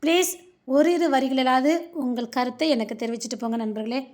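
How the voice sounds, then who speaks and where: Woman channel host; rapid, pleading video intro. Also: sits high, a little mellow. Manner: pleading for likes and subscriptions.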